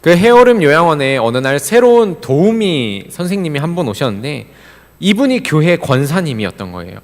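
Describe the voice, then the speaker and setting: A male pastor delivering a sermon in a church, telling a story and then urging his congregation with rising emphasis. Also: medium pitch. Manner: storytelling, building to emphatic exhortation. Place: church sanctuary. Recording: church sanctuary with long reverb.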